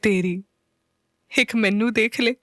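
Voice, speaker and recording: A woman voicing an older, lonely aunt with a Punjabi accent, speaking slowly and heavily in an audio story. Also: medium pitch, steady tone, fairly bright tone, no echo, studio quality. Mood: sorrowful. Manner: slow, heavy, grieving speech.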